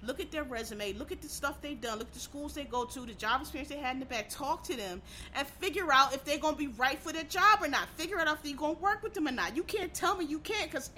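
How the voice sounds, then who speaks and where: A fairly high-pitched woman with a bright, forceful edge talks straight to her listeners in a casual monologue. She is blunt, heated and freely profane. She keeps restarting her sentences for emphasis. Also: expressive, quick pace, a little hiss or hum.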